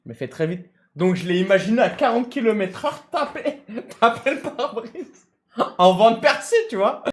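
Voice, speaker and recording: A man telling a comic anecdote in casual slang, acting out people and shouting at times. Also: high-pitched, normal speed. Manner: animated, slangy, mimics and shouts mid-story. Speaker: storyteller recounting a tow job.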